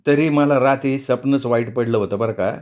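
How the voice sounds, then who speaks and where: Blunt restless young laborer, man reading him, plain middle-pitched voice, audiobook. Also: fairly quick, darkish tone, close to an everyday voice. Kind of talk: audiobook storytelling.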